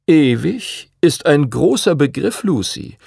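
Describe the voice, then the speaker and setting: A man reading the part of a patient older male teacher of dragon riders, speaking in a calm, measured, lecturing way. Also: fairly high pitch, creaky, breathy edge, no echo, studio quality, voice pushed up, heavily acted.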